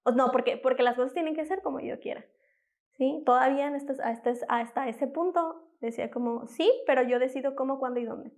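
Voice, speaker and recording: A woman's voice: sits high, fairly quick. A woman in her twenties telling her own story as a former patient in an interview, acting out the quoted dialogue and talking with many fillers and self-corrections. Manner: lively retelling that acts out quoted dialogue. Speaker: former patient giving a testimony. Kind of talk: personal testimony in an interview.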